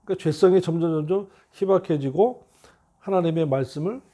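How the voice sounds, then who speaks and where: A middle-aged male pastor preaching a sermon, telling a story and reading scripture slowly and earnestly. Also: fairly high pitch, mellow.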